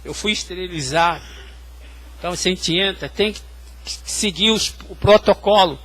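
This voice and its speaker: A male pastor preaches, sharing hospital stories and talking straight to the congregation. His voice is high and a touch bright, at a moderate pace.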